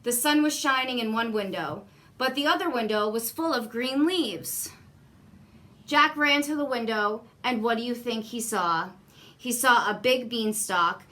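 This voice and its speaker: A guest story reader, a woman with a bright, slightly high voice, narrates a children's storybook expressively. She takes her time, deliberately emphasizing phrases for young listeners.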